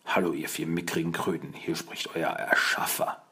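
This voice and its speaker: A man voicing a cruel, gloating male villain in an audiobook, speaking slowly and with a sneer. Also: low voice, flat delivery, sharp tone, husky, exaggerated voice. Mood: gloating menace.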